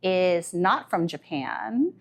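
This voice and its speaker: A woman in her thirties moderating a live panel conversation, chatty and quick to laugh. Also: lowish voice. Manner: lively, laughs often, chatty fillers.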